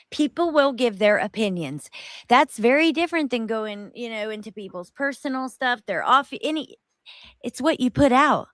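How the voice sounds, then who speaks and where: A woman's voice: a little high, fairly bright tone, no room sound, clean studio sound. A woman hosting a commentary stream, frank and laughing often. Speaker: host. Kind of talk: casual commentary chat.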